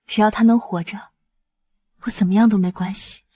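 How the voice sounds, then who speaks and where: A woman voicing a devoted young healer who talks softly and earnestly. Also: mid-range voice, steady tone, normal speed, husky, no echo, natural voice. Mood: tender. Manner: soft, earnest and caring.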